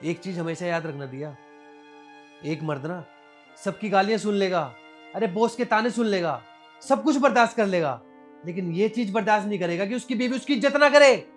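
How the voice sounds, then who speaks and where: A man's voice: high voice, lively intonation, moderate pace, soft background music. A man acting as a husband in a short drama, wounded that his wife slapped him in public and vowing to leave home. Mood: hurt reproach. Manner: hurt, reproachful. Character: wounded proud husband, humiliated and sulking. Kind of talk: scripted web short drama.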